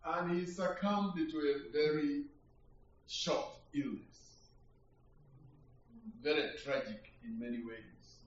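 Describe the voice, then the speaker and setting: Slow Ugandan-born man preaching. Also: fairly high pitch, a little hiss or hum. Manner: slow, reflective, pausing, with rising emphasis. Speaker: guest preacher. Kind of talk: sermon. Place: church hall. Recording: echoey hall from far off, dull.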